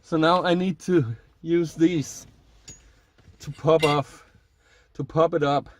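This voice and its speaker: A middle-aged man speaks haltingly in a casual demonstration vlog, recorded inside a small minivan camper. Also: on the high side, fairly even intonation, slight background noise. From Denmark. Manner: hesitant, halting delivery while working. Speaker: vlogger. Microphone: camera a short distance away.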